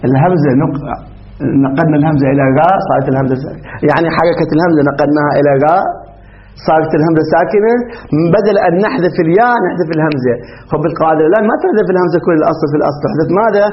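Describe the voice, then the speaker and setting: Guy teaching grammar fast, quizzing the class, kinda muffled recording. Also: on the high side, a little hiss or hum. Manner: quick, questioning the class, laughs often. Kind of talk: Arabic grammar lesson.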